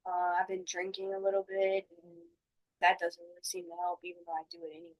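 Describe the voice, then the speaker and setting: A woman playing a dejected client who has lost job and home, confiding haltingly in a mock counseling session. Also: on the low side, level tone, close to an everyday voice, poor audio. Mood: discouraged. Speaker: client in a role play.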